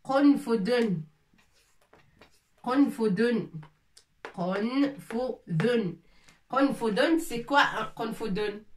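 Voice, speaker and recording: A woman teaching a language lesson slowly and patiently, repeating words and spelling out each sound. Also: fairly high pitch, a bit bright, roomy sound, recorded from a distance. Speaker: Arabic teacher.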